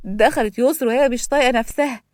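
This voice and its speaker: A woman storyteller who voices all the characters herself. Her voice is high and quick, and the sound is close and dry. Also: dry recording. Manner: acts out every character herself. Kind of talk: scripted narration of a spoken story.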